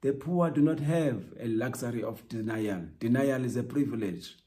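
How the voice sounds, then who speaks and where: A man hosting a podcast, delivering a reflective spoken essay in a measured, emphatic way with repeated rhetorical lines. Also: medium pitch, mellow. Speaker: podcast host.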